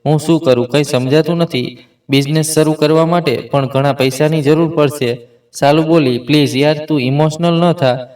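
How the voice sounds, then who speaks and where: A man narrating an emotional family story, reading every character in one steady voice with small slips and restarts. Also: fairly high pitch, moderate pace, recorded from a distance.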